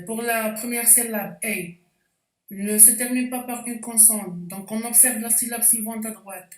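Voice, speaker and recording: A woman's voice: on the high side, a bit bright, echoey room, far from the mic, rough recording. A woman teacher giving a spelling lesson, explaining step by step with frequent hesitations. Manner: slow, deliberate explanations with hesitations.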